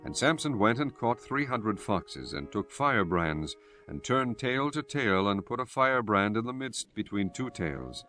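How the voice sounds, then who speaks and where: A man with a deep voice narrates scripture in a solemn, formal manner. Music plays clearly behind the scripted reading. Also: animated, unhurried, bright, forceful tone. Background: prominent music.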